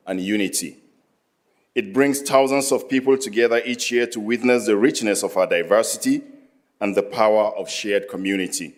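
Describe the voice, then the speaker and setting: A man delivering a formal, measured prepared speech as a commission chair at a council meeting. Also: lowish voice. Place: council chamber.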